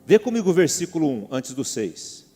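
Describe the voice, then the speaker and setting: A middle-aged Brazilian man preaching in a fairly high, mellow voice. He talks animatedly and keeps calling out to the congregation. His voice rings through a large church hall over soft music. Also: moderate pace. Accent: Brazilian Portuguese. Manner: animated, calls out to the congregation, acts out quotes. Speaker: pastor. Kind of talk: sermon.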